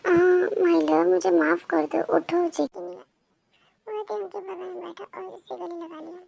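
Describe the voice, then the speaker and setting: A stubborn, playful young husband who pleads and argues loudly, as a woman reader puts him on. The voice sits very high with a gravelly rasp, in a storybook reading. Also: steady tone, a little slow, heavily acted. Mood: teasing. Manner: loud, whiny pleading.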